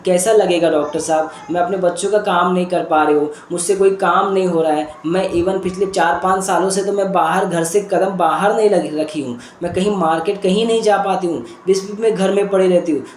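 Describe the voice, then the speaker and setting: A man's voice: high voice, fairly even intonation, brisk, hardly any pauses, roomy sound, slight background noise, natural voice. A man voicing a frightened, weeping middle-aged mother who begs her doctor for help, repeating her worries in a pleading rush. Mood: pleading, anxious. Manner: pleading, repetitive, breathless worry.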